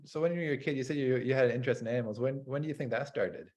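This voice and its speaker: A man's voice: medium pitch, racing, a little mellow. A man from North America, a dairy farmer hosting an interview, talking in a hesitant, rambling way with lots of fillers. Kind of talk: casual interview chat.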